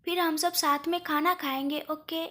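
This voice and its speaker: A woman voicing an affectionate young father, speaking gently in a storybook reading. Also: very high-pitched, fairly even intonation, normal speed. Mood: fond. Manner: gentle, fond tone.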